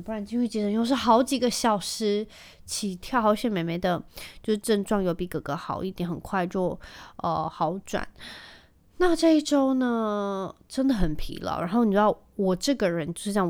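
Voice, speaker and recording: A woman's voice: medium pitch, a little mellow, clear, resonant tone. A woman in her thirties from Taiwan, hosting her podcast in a rambling, chatty way with many fillers. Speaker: podcast host. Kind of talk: casual chat.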